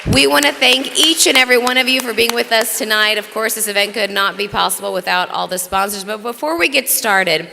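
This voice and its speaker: A woman's voice: mid-range voice, creaky, bright, forceful tone. A woman who co-anchors TV news, emceeing a live gala in a large banquet hall in a chatty, bantering way that turns solemn.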